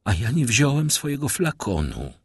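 A man voicing a mysterious nobleman who speaks in a measured, theatrical way. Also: mid-range voice, very animated, breathy edge, no room sound, clean studio sound, pitched above the performer's own voice, full character voice. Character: suave, mysterious middle-aged count, theatrical storyteller.

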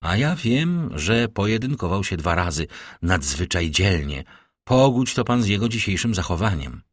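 Earnest young captain, kinda lovestruck, read by a man, deep voice, very dry sound. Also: big pitch swings, moderate pace, no room sound. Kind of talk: audiobook character reading.

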